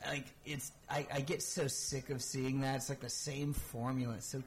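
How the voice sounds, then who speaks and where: A man's voice: medium pitch, flat delivery, moderate pace, slight background noise. Rambling man in casual chat. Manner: rambling, filler-heavy, says "dude" and "you know" a lot.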